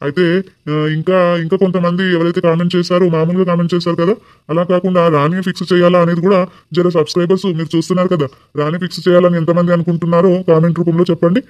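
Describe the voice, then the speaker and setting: Man as a fast-talking flat-voiced village priest, formal. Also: high-pitched, no echo, close to an everyday voice. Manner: monotone, fast, formal blessings. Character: genial village priest arranging a wedding.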